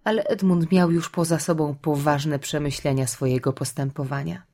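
A woman narrating an audiobook with steady, grave storytelling, sinking to a whisper at the hushed parts. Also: low voice, moderate pace.

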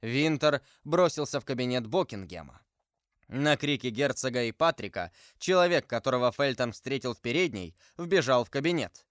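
A man's voice: medium pitch, lively intonation, normal speed, a bit bright, no echo, studio quality. Man reading a classic novel aloud. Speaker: narrator.

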